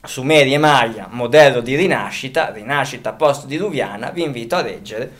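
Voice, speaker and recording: A man's voice: mid-range voice, normal speed, a bit bright. A man co-hosting a casual podcast, talking, rambling, often restarting and correcting himself as he thinks aloud. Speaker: podcast co-host.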